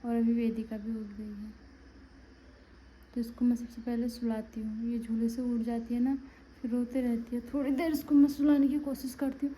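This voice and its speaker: A woman's voice: a little high, level tone, moderate pace, mellow, slight background noise, poor audio. A woman with a Pahadi accent chatting to viewers in a casual home vlog, turning to coo at a baby. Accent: Pahadi Hindi. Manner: talks to viewers, then coos to a baby. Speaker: family vlogger. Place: home, indoors.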